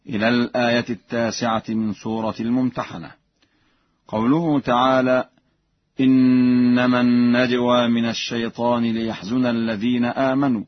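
A man teaching Quran recitation on the radio, explaining slowly and chanting verses in a drawn-out way. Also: mid-range voice, no echo. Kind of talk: radio lesson with chanted examples. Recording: muffled lo-fi radio recording.

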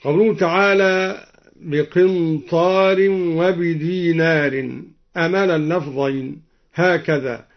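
A man teaching Quran recitation, explaining each reading plainly and then chanting the verse slowly and melodically. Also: a little high, steady tone. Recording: dull lo-fi recording.

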